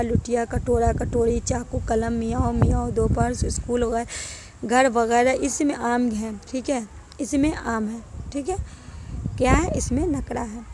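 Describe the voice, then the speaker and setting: Woman teaching grammar over background noise. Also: fairly high pitch. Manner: repeats "ٹھیک ہے" and quizzes the listener with questions. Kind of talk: exam-prep grammar lesson.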